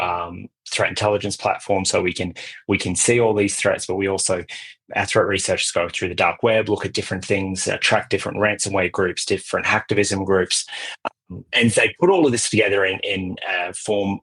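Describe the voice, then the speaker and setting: A middle-aged Australian man with a somewhat low, husky voice talks freely as a podcast guest. He often trips over and repeats his opening words before a long, rambling explanation comes out. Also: fairly bright tone, low-quality recording. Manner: talkative, many restarts and repeated words. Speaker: guest, cybersecurity vendor executive. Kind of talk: conversational podcast interview.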